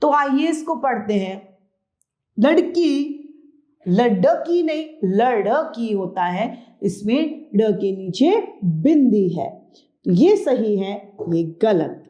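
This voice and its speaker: Slow, lively woman teaching children. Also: medium pitch, highs cut off. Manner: slow, clear and lively, stressing each word. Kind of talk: children's grammar lesson. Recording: echoey room.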